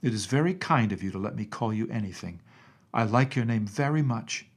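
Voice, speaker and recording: A man's voice: mid-range voice, animated, brisk. Man voicing a plucky young miner boy. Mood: teasing. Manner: confident, matter-of-fact.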